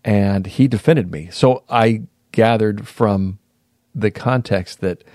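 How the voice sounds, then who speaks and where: A man in his fifties, a podcast guest, reflectively recounting his past in a casual interview, pausing and restarting sentences. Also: on the low side, darkish tone, no echo, studio quality. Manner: reflective, unhurried, often pauses and restarts mid-sentence.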